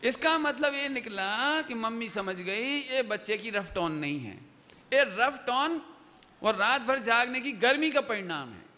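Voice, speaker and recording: A man's voice: very high-pitched, big pitch swings, a little slow, bright, forceful tone. A man giving a religious discourse, explaining with everyday examples and quizzing his listeners with questions. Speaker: Jain preacher. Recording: hall reverb, faint noise.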